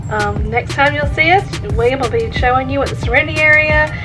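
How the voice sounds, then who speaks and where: A woman's voice: high-pitched, fast talker, music in the background. A woman chatting casually to the camera as a travel vlogger.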